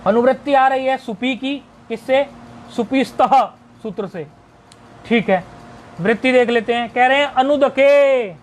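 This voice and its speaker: In a recorded video lesson, a man teaches Sanskrit grammar step by step, posing questions and answering them himself as he slowly recites word forms in a list. His voice is extremely high-pitched, with a little hiss or hum in the background.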